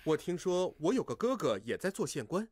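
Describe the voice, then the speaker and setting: Sly smooth-talking fake brother, husky voice, bouncy pitch, some music behind. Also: male voice, very animated, brisk, a little mellow, no echo, clean studio sound. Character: sly young man posing as a rich long-lost brother. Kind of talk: comic period TV drama acting. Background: drama score music.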